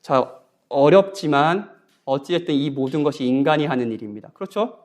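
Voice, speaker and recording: A man's voice: a little high, lively intonation, moderate pace, darkish tone. A man, a guest pastor, preaching a sermon at a church Bible conference in a conversational way, often asking the congregation questions. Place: church sanctuary.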